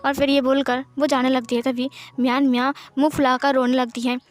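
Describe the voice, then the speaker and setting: A woman narrating a fan fiction story in a steady, plain reading voice. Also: high voice, fairly quick, faint music behind.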